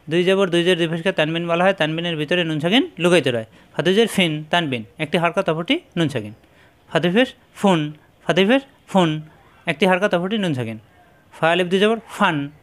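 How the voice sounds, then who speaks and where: High-voiced man drilling Arabic letter sounds. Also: fairly bright tone. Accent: Bangladeshi Bengali. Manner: repeats syllables in chant-like drills. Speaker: Quran reading teacher. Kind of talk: slow, drilled pronunciation lesson.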